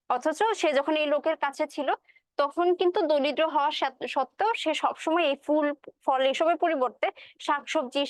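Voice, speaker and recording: A woman's voice: sits high, no echo. A woman teaching a class, explaining a poem and its pronunciation, asking questions and answering them herself. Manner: recites verse slowly. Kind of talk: classroom lecture on poetry and pronunciation.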